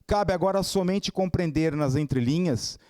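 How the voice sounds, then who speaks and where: A man's voice: fairly high pitch, normal speed, clean tone, dry recording, clean studio sound. A middle-aged Brazilian man giving a spiritist lecture, telling stories and asking rhetorical questions. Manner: animated storytelling with rhetorical questions.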